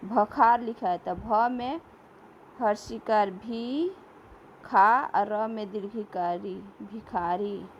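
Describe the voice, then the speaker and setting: Slow, deliberate woman teacher. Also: a little high, muffled recording, slight background noise. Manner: slow, deliberate, repeats words for pupils. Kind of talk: slow classroom lesson reading.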